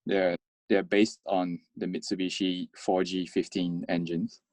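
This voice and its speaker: A man who grew up in Malaysia, a guest in a casual interview, talking haltingly and repeating words. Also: low-pitched, level tone, darkish tone, dry recording.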